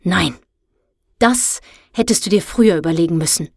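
A woman's voice: on the low side, moderate pace, vocal fry, no room sound, clean studio sound. A woman doing an icy, scolding house mother. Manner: cold, harsh, scolding. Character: stern, icy middle-aged house mother.

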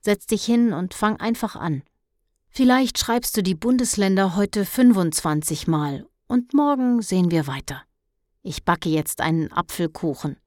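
A woman voicing a stern but caring middle-aged mother, who scolds and then coaxes gently in a storybook reading. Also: mid-range voice, animated, measured pace, no room sound, natural voice. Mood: soothing.

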